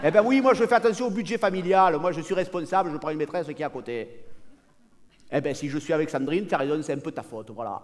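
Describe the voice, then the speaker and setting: A comedian acting out a brash, boastful cheating husband, talking cockily and excitably to a partner who is never heard. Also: male voice, fairly high pitch, fast, natural voice. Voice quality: cocky, excitable, talks over an unheard partner. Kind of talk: live stand-up character monologue.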